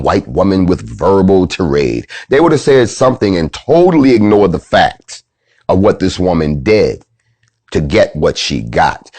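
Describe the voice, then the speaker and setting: Low-voiced dude ranting and preaching on his show, swears a lot, voice swings all over, dry close sound. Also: breathy edge, no echo. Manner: animated, preachy, swears freely. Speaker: host. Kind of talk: profane storytelling monologue.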